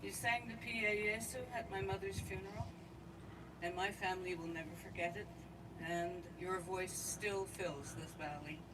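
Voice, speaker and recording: A woman giving a memorial eulogy at an outdoor gathering, speaking straight to her departed friend with heartfelt warmth. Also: mid-range voice, steady tone, moderate pace. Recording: distant mic with outdoor noise.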